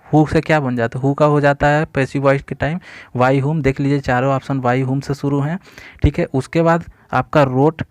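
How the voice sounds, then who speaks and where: A man explaining English grammar quiz answers in a steady teaching manner, often checking in with "theek hai.". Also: medium pitch, moderate pace, dry recording. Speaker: exam-prep teacher.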